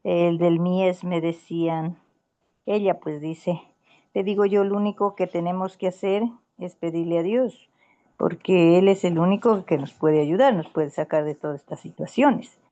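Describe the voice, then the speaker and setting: A woman's voice: fairly low pitch, unhurried, mellow, dull audio. A woman in a casual Bible study conversation, telling a story in an earnest, rambling way with many restarts.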